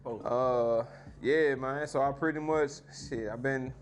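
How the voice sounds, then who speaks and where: Memphis man, podcast guest, easygoing chat, mid pitch. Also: takes it slowly, faint music behind. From Memphis, Tennessee. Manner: relaxed, says "man" and "bro" often. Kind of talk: casual chat.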